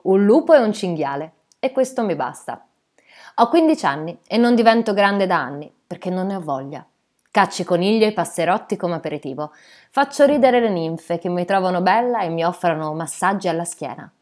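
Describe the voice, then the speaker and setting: A woman reading a first-person literary story aloud, with a dry, matter-of-fact way of telling it. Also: lowish voice. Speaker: narrator.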